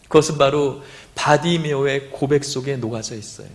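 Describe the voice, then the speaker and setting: A man pastor preaching a Sunday sermon, telling a story with rising loud quoted cries and soft questions to the congregation. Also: medium pitch, normal speed. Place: church sanctuary.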